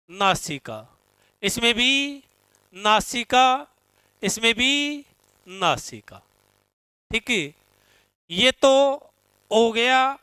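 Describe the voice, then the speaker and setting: High, slow-speaking male teacher. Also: pushed and bright, smooth, no echo. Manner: slow, drawn-out syllables, asks students questions and answers them himself. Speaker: Sanskrit teacher. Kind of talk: classroom lesson on pronunciation.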